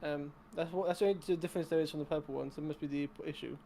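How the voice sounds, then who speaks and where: A man's voice: on the high side, fairly even intonation, rapid-fire, dark tone, slight background noise. A young man co-hosting a casual game-development chat on a call, rambling and self-deprecating with many restarts. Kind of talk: casual chat over gameplay.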